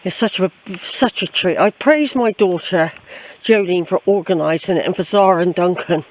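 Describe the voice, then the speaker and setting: A woman's voice: lowish voice, normal speed, poor audio. An older woman with an English accent, chatting reflectively and repeating phrases as she vlogs outdoors on a woodland walk. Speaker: hiking vlogger. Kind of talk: casual rambling walk commentary.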